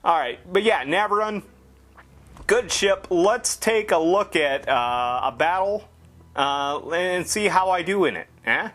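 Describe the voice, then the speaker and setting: A man talking over his gameplay in a rambling, sarcastic way, swearing freely. His voice sits a little high for a man and swings widely in pitch. It sounds loose and off-the-cuff. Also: animated, a little slow, fairly bright tone. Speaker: gameplay commentator. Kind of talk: casual gameplay commentary.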